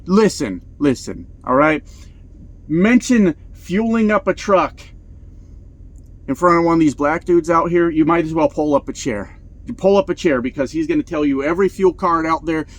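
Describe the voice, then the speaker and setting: A man talking in a casual vlog about trucking, blunt and profane, telling stories with lots of energy. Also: fairly high pitch. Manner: blunt, profane, animated storytelling. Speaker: truck driver vlogger. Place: inside his truck cab.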